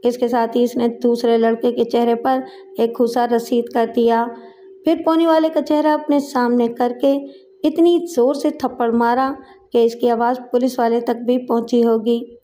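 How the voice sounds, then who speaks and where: A woman reading a crime story aloud in a steady, dramatic storytelling manner. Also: on the high side, moderate pace. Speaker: audiobook narrator. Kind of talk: scripted narration of a crime story.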